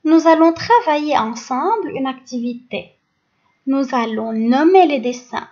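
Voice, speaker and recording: A woman teacher with a Lebanese French accent, giving a phonics lesson and pronouncing each sound and syllable very slowly and clearly. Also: high voice, animated, warm tone. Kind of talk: recorded phonics lesson for young pupils. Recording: dull lo-fi recording.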